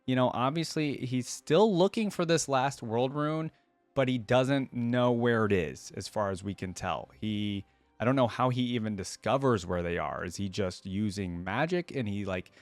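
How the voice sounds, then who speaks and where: Speaking to his audience in a voice on the low side, a man reacts to content as a video creator, musing aloud and going off on tangents. The recording carries no room sound.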